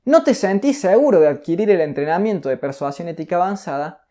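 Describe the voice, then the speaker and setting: A man's voice: high-pitched, lively intonation, quick pace, dark tone. A man teaching a recorded course lesson. He explains step by step and poses rhetorical questions. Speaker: course instructor.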